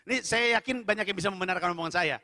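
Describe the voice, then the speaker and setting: A male stand-up comedian telling an animated story to his audience and acting out the dialogue with mimicked voices. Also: high-pitched, rapid-fire, clean studio sound. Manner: addresses the audience directly. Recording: echoey hall.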